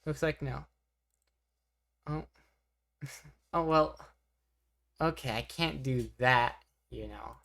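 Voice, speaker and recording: A woman's voice: extremely low pitch, slow pace, gravelly, pauses often, a bit bright. A young woman streaming live, chatting casually with her chat, rambling and poking fun at herself. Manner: rambling, self-deprecating, reacting to chat.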